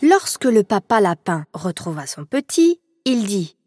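A woman reading a children's picture book aloud in a slow, expressive storytelling voice, over instrumental music. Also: medium pitch.

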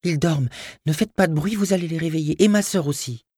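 A man's voice: fairly quick, darkish tone, slightly rough, no room sound, studio quality. A man voicing a frightened little boy woken at night by strangers. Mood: scared, hushed urging. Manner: trembling, urgent, high child voice.

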